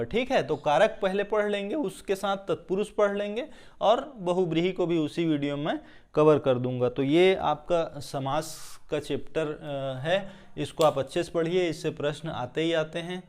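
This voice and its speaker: A man teaching an exam-prep grammar lesson. He quizzes, asking each question and then answering it himself, and repeats each word with "ठीक है". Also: fairly high pitch. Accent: Hindi of Chhattisgarh.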